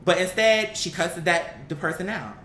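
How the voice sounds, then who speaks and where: With lively intonation, a moderate pace, and a slightly bright tone, this American commentary host gives her viewers her casual opinions. She talks bluntly and emphatically in slang, using rhetorical questions and performed quotes, while the roomy echo carries a faint rumble.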